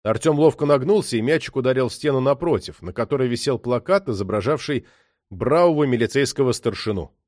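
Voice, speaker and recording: A man reads a crime novel aloud, his pitch moving in a lively way through the narration. The recording is dry and close, with no room sound. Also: fairly quick, dry recording. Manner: expressive reading, voices the characters. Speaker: audiobook narrator. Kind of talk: scripted narration.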